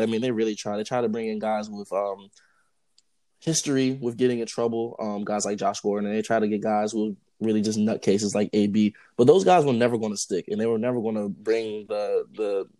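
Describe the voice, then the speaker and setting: A man with a lowish, mellow voice co-hosting a sports podcast. He talks in long, measured stretches, leaning on filler words, and the sound is close and dry. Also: dry recording, rough recording. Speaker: podcast co-host. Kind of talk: casual sports podcast chat.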